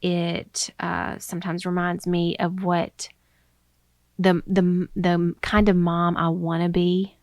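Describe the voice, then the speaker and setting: A woman's voice: on the low side, monotone, takes it slowly, darkish tone, no echo, studio quality. A young woman hosting a casual solo podcast, a little out of breath, rambling with lots of ums and restarts. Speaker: podcast host.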